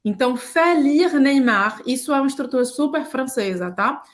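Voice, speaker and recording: A woman's voice: sits high, lively intonation. A woman, teaching French in a casual video lesson and explaining pronunciation patiently. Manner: patient, explanatory, repeats sounds slowly.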